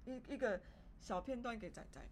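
A woman co-hosting a podcast in a casual, heartfelt chat with a Taiwanese Mandarin accent, halting and repeating words as she speaks. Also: on the high side, animated, darkish tone, a little hiss or hum. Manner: emotional, halting, repeats words when upset. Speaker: podcast co-host.

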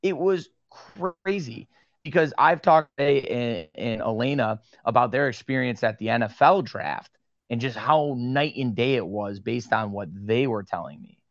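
Animated Western New York man, lo-fi. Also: medium pitch, no echo. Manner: animated storyteller, quick asides. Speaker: podcast guest, sports card media host. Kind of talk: casual interview chat.

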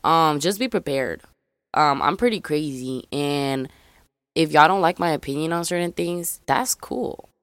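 Introducing her own solo podcast, this Memphis-born young woman talks in a loose, rambling way, her Southern accent faded, and addresses everyone as y'all. She has a low, clean-toned voice and speaks unhurriedly, and the studio-quality recording carries no room sound.

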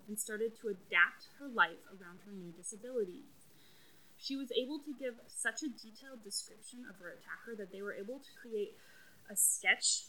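A woman's voice: mid-range voice, sharp tone, low-quality recording. A woman co-hosting a podcast, telling a true crime story in a chatty, casual way with lots of fillers. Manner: chatty, frequent fillers and restarts.

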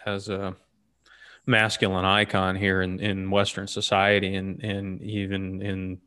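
A man's voice: sits low, monotone, a little slow, bright, forceful tone, clean tone. A male host who asks thoughtful, rambling questions in a casual interview.

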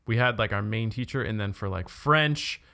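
A man's voice: on the low side, moderate pace, vocal fry, sharp tone. A man from Canada chatting casually about school, full of filler words and blunt swearing. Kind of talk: casual chat.

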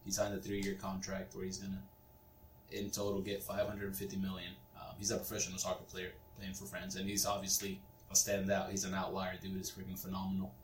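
Low-voiced young man, echoey room. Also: fairly quick. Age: 20s. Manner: chimes in with short agreements, animated storytelling. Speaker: podcast co-host. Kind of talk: casual podcast chat. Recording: echoey room with faint rumble.

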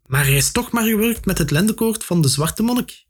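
A man's voice: high-pitched, animated, brisk, slightly rough, pitched above the performer's own voice. A man voicing a hesitant, gloomy young male clerk in a storybook reading.

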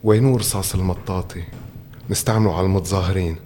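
A man's voice: low-pitched, fairly even intonation, quick pace, warm tone. A man with a Lebanese Levantine Arabic accent giving political interview answers as a candidate, emphatically repeating his phrases. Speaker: election candidate being interviewed. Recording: reverberant room, faint background noise.

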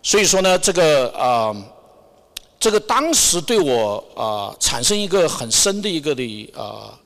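A man's voice: a little high, sing-song, unhurried, creaky, a bit bright. A middle-aged man giving an informal church testimony, hesitant and searching for words, with English words mixed in. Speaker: church member sharing a Sunday message. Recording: long hall reverb.

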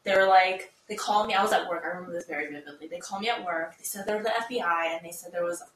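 A woman's voice: lowish voice, racing, far from the mic, a little hiss or hum. Chatty young woman, a bit off-mic. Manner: chatty, animated storyteller. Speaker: podcast co-host. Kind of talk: casual chat. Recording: echoey room, off-mic, faint ambience.

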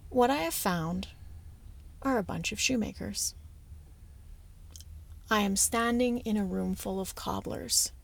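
A woman voicing a humble, bent male sage who speaks calmly and gently in a story she tells. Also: medium pitch, takes it slowly, vocal fry, long pauses. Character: humble bent sage man, calm, wise.

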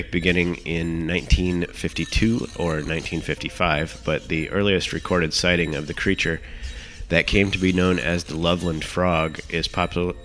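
A man hosting a show with a croaky voice, hoarse from illness, moving between narration and casual announcements with a hesitant, unhurried delivery. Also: deep voice, sharp tone. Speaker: show host. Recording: music playing behind the voice. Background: music.

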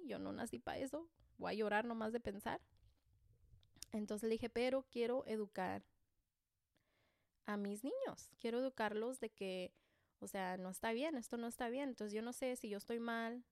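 A woman's voice: on the high side, vocal fry, darkish tone, no room sound, clean studio sound. A woman with a Mexican accent, a mother telling a personal story to camera in a casual, joking and self-deprecating way, full of slang.

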